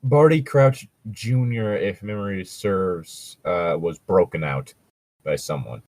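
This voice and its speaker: Here a man with a deep, darkish voice speaks slowly, with no echo in the recording. He is co-hosting a casual fan fiction reading, giving lines a mock dramatic treatment and filling the gaps with crude, sweary banter.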